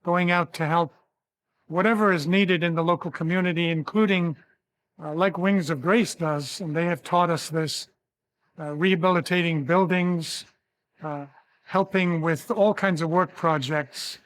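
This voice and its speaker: An older man from Tanzania, a pilot and ministry founder, giving a measured, earnest testimony with occasional fillers. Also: a little high, fairly even intonation, fairly bright tone. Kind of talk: testimony interview.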